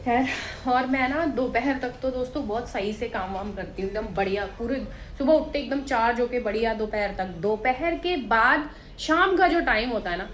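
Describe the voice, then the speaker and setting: Woman, 30s, slightly high voice, chatty home vlogger addressing viewers, faint background noise. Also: moderate pace, poor audio. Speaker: family vlogger and mother. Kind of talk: casual vlog chat to viewers. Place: home kitchen.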